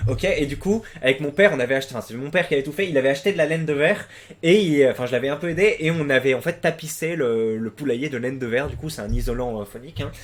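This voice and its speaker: A young man from France riffs on viewer stories in a loose, offhand way, full of fillers and restarts. His talk is crude and slangy. When he tells his own stories he breaks into loud, animated bursts. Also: medium pitch. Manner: rambling, hesitant with frequent fillers and restarts; crude slang, swears freely. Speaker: YouTube host reading viewer posts. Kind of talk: casual commentary on forum posts.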